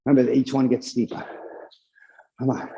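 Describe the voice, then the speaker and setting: A man's voice: medium pitch, monotone, a little fast, creaky, warm tone. A man instructing a spin class while cycling hard himself, out of breath and calling out motivational cues. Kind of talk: motivational indoor cycling coaching. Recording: dull, muffled lo-fi class recording.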